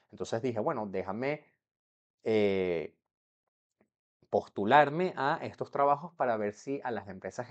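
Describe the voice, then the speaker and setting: A man's voice: mid-range voice, a little mellow, lo-fi sound. A young man from Venezuela explaining to camera how he moved abroad, in a chatty way that keeps checking in with the viewer. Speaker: vlogger.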